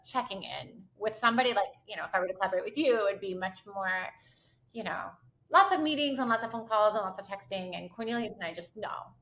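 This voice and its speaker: A woman's voice: mid-range voice, fast talker, fairly bright tone. A middle-aged woman, an educator and researcher, chatting as a podcast guest and leaning often on "you know" and "like". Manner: chatty, filler-heavy with frequent "you know" and "like". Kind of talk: casual interview chat.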